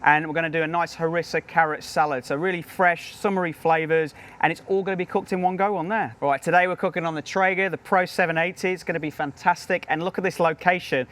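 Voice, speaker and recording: This fairly high-voiced British man is a professional chef walking through each step of a grill demonstration, upbeat and talkative. He speaks fast with hardly any pauses, in a steady, fairly bright tone.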